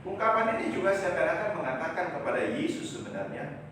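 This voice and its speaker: A male pastor preaching a sermon, swinging from loud acted quotes to soft, quiet lines. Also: fairly high pitch, very animated, quick pace, a little hiss or hum. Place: large church. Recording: echoey church hall, voice from far off.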